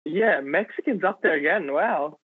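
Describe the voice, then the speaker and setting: A man's voice: fairly high pitch, lively intonation, moderate pace, husky, narrow, tinny audio. A man in a casual chat among friends, chiming in with short agreeing remarks.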